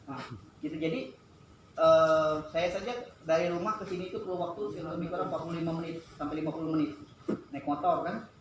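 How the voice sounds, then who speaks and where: Animated man presenting in an echoey hall. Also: fairly high pitch, fast talker, a little hiss or hum. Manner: acts out dialogues with playful voices. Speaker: workshop presenter. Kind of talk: lively seminar talk.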